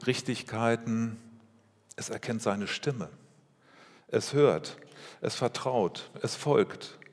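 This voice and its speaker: Low-voiced pastor preaching in a reverberant church. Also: male voice. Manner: measured, rhetorical questions and repeated phrases. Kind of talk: sermon. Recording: long reverb of a church hall.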